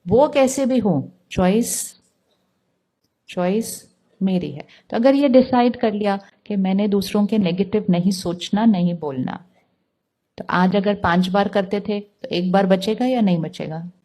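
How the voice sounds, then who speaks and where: A woman speaks in a calm, unhurried way as she gives a spiritual talk. Her voice is mellow and warm and sits in an ordinary middle pitch. She keeps turning to her listeners with questions. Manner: calm, asks the audience rhetorical questions. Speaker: spiritual teacher.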